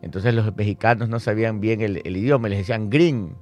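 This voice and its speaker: Ecuadorian radio host guy, jokey, laughs a lot, quiet asides, faint music under him. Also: on the low side, a little fast. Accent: Ecuadorian Spanish. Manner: jokey, laughs often, drops into soft asides. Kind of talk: casual morning radio chat.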